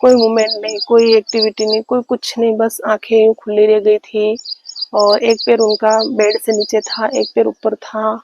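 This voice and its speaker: A woman tells a personal story slowly and haltingly, with many fillers and restarts. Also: a little high, flat delivery. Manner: slow, hesitant retelling with many fillers and restarts. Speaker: vlogger. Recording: slightly dull lo-fi audio with faint noise.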